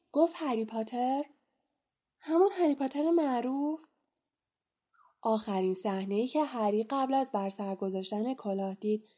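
A woman reading a storybook aloud as an audiobook narrator, calm and measured. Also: mid-range voice.

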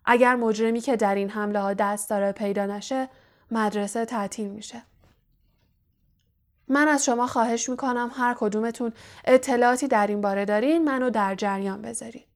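A woman's voice: fairly high pitch, fairly even intonation, lightly acted. A woman reading as a stern older professor. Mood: worried. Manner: grave, strict, hoarse-voiced. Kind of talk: audiobook character reading.

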